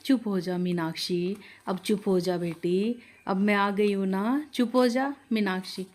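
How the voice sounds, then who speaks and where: A woman's voice: medium pitch, measured pace, darkish tone, close to an everyday voice. A woman voicing a kind, motherly aunt who soothes and reassures a crying girl in a storybook tale. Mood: soothing. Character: kindly motherly aunt, comforting and firm.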